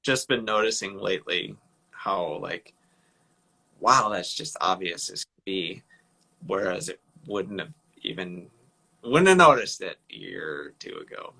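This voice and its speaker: Reflective man musing aloud on a casual show, bright, open voice. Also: low-pitched, big pitch swings, measured pace, vocal fry, slightly rough, low-quality recording. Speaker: podcast co-host. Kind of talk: casual live-stream chat.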